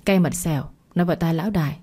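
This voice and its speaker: Female narrator, low mellow husky read, one plain voice for every part. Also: rapid-fire. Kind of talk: storytelling narration.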